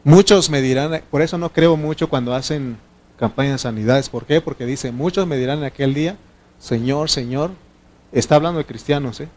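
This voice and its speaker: A male pastor with a Mexican Spanish accent delivers a sermon, speaking to the congregation as if in conversation. He keeps checking in with them through rhetorical questions. When he quotes prayers or dialogue, his voice jumps higher and louder. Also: moderate pace.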